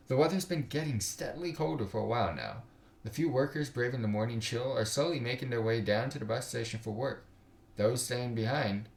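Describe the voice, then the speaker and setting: Indoors at his computer, a young man with a lowish voice reads a visual novel's story text aloud during a casual livestream, stumbling a bit and tossing in slangy jokes as asides. The audio is reverberant.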